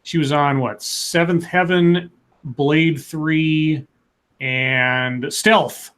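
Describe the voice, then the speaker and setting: A man's voice: a little high, fairly even intonation, drawn-out words, a bit bright. A man on a live-stream panel, talking in a casual, conversational way. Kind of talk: casual chat.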